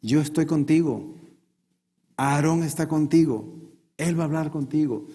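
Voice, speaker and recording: A man's voice: fairly high pitch, unhurried, dark tone, husky, big-room sound. A man preacher voicing God, speaking patiently and reassuringly as he gives instructions. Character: God, a calm, commanding divine voice.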